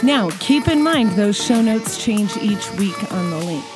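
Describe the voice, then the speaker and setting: Woman, American accent, podcast host, scripted welcome and announcements, clear music bed behind. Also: medium pitch, expressive, a little slow. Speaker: podcast host introducing a sermon.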